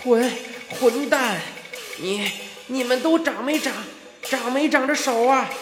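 A woman voicing a cowardly male sky emperor who stammers and shouts in panic. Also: slow pace, echoey room, big-room sound, music in the background. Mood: panicked rage. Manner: stammering, shrill, furious shouting.

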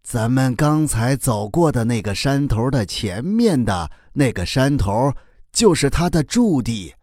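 A man voicing a kindly old male turtle who talks slowly and drowsily in a children's audio story. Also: medium pitch, big pitch swings, darkish tone, dry recording, studio quality, voice pushed up. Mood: cheerful. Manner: slow, drowsy and good-humored.

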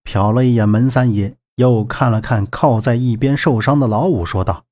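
A man narrating an adventure audiobook with dramatic, expressive storytelling. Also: medium pitch, moderate pace. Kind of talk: scripted narration.

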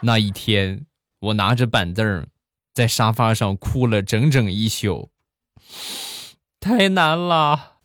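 A man telling funny personal anecdotes in a casual, animated way, full of chatty fillers. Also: on the low side, unhurried. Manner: animated, colloquial northern-style banter with many 啊 fillers. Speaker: comedic storyteller. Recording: dry close mic with faint background music.

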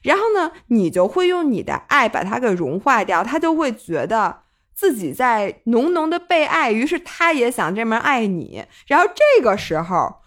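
Female co-host, slightly high, lively intonation, self-assured advice-giver who mixes in English words. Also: moderate pace. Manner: confident advice-giving, drops English words into her speech. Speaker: podcast co-host. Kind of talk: casual chat.

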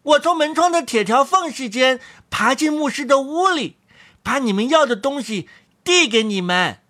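A woman's voice: animated, moderate pace. A woman doing a tiny cheeky storybook boy. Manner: shrill, teasing, calls out loudly. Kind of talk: storybook reading.

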